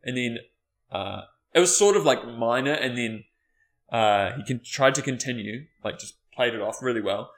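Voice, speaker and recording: A man talking casually. He rambles through a story and leans on filler words, and his voice sits at an ordinary middle pitch. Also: expressive, moderate pace. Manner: rambling storyteller, many "like" fillers, acts out quotes loudly. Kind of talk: casual chat.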